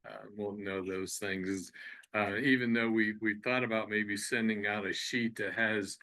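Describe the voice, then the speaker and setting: Measured low-voiced American man chairing a meeting. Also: steady tone, pushed and bright. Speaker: county commissioner chairing meeting. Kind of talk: formal public meeting talk.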